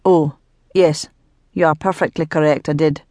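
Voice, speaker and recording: A woman reading an audiobook voices an irritable, gruff nobleman who barks his words impatiently. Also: sits low, steady tone, normal speed, dark tone, no room sound, studio quality, voice pushed down, close to an everyday voice. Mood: irritated. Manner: barking, impatient.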